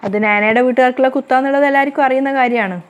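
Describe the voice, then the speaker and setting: A woman runs through a TV serial episode at a quick clip, her voice sitting slightly high. She stumbles and corrects herself now and then as she keeps the story moving. The recording sounds dull and lo-fi. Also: fairly even intonation, clear, resonant tone. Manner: rapid storytelling with frequent self-corrections.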